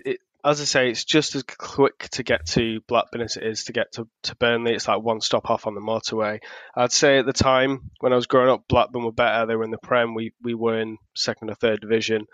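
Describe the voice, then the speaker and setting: A man from talks casually as a podcast guest, his pitch level and even. He is relaxed and chatty and drops in plenty of fillers. The audio is dry and a little dull, like a remote call. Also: no echo. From Accrington, England. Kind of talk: casual interview chat.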